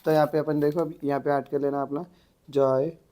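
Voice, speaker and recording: A man's voice: a little high, level tone, a little fast, dark tone. A man teaching an exam-prep English grammar lesson, asking the class questions and answering them himself.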